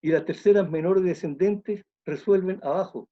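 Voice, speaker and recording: A man's voice: high-pitched, normal speed, muffled recording. A man, an orchestra conductor giving an online music talk, explaining thoughtfully and repeating phrases as he thinks.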